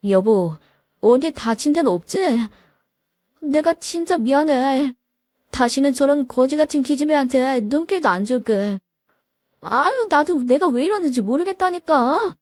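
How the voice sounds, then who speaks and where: A woman's voice: high-pitched, expressive, unhurried, a little mellow, dry recording, studio quality. A woman voicing a cowed cheating husband who whines and pleads with his wife. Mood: pleading. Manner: whiny, pleading.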